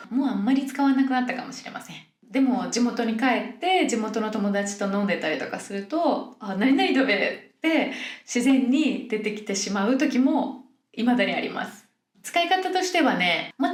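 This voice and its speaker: A young woman from Yokohama hosts a podcast for Japanese learners, explaining things in a friendly way and acting out example phrases. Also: medium pitch. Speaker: podcast host teaching Japanese. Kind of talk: casual podcast monologue. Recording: roomy echo.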